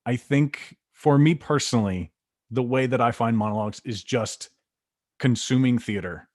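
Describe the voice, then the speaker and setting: A man's voice: medium pitch, moderate pace, no echo, clean studio sound. A man co-hosting a casual chat about acting, talking in a laid-back, easygoing way with plenty of fillers. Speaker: co-host.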